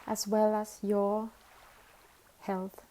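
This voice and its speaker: Leading a guided meditation, a woman teacher gives soothing instructions at an unhurried pace, pausing for long stretches. Her voice is mid-range and warm, though her delivery is completely flat.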